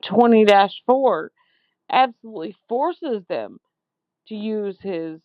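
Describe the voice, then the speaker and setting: A woman leaving a long complaint voicemail, speaking in an accusatory, emphatic and halting way, repeating words for stress. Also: mid-range voice, no room sound. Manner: slow, deliberate, halting phrasing. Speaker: caller. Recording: dull lo-fi voicemail phone recording.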